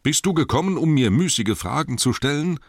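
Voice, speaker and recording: A man's voice: fairly low pitch, sing-song, normal speed, a bit bright, no echo, pitched above the performer's own voice. A man voicing a proud, furious male dwarf king in an audiobook, bellowing and commanding, with a dry close sound. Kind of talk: audiobook character voice.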